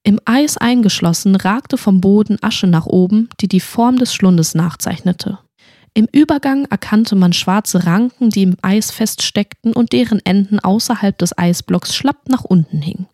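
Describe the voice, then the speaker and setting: A woman's voice: mid-range voice, no echo, studio quality. Woman narrating a fantasy audiobook. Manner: expressive storytelling.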